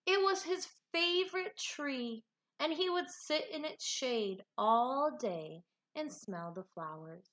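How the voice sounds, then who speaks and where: Female elementary teacher, bright and lively, expressive read-aloud delivery for kids. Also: sits high, slow pace. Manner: animated, expressive delivery addressed to young pupils. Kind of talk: read-aloud lesson for children.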